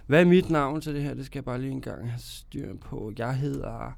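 A man's voice: medium pitch, gravelly, darkish tone. A man hosting a casual radio show, joking around with a co-host and setting up prank phone calls. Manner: joking, playful, laughs often.

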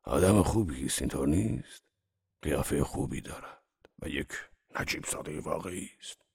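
A male audiobook reader voicing a mournful, sly aging gangster who speaks slowly and quietly, with a husky, gravelly tone. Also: extremely low pitch, lively intonation, full character voice.

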